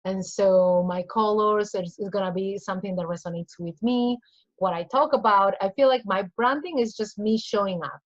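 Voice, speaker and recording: In a mid-range voice at a moderate pace, a woman from Peru speaks earnestly with a Peruvian Spanish accent. She's a guest coach in a casual interview who repeats phrases and plays out little inner voices, heard through lo-fi sound.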